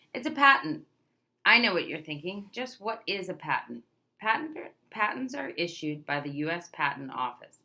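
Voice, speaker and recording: Her low-pitched voice is bright and forceful as she reads a children's picture book aloud. Presenting it expressively, she leans on key words the way a storyteller would for young listeners.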